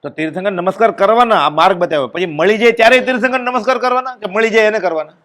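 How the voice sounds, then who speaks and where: Slightly high-voiced man, spiritual storyteller who bursts out in emphatic lines. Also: very fast. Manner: animated storytelling, acting out dialogue with sudden loud exclamations. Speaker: spiritual discourse speaker. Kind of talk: devotional discourse with storytelling.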